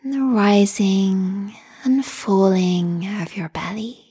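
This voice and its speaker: This woman leads a meditation at an extremely slow, soothing pace, her medium-pitched voice soft, whispery and full of breath. There's a breathy edge to her calm, meditative delivery.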